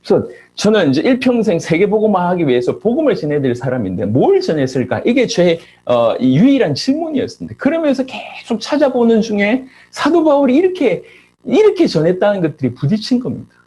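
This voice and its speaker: A middle-aged male pastor delivering a sermon with a husky, slightly raspy voice. His pitch swings widely as he climbs into pointed rhetorical questions, then drops back to a low, confiding tone. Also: a little fast. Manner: animated preaching with rising rhetorical questions.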